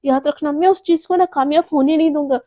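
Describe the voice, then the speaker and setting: A woman's voice: high voice, fairly even intonation, quick pace, mellow, dry recording, natural voice. A woman voicing a fiery, protective young college woman in a told story, defiant and urgent.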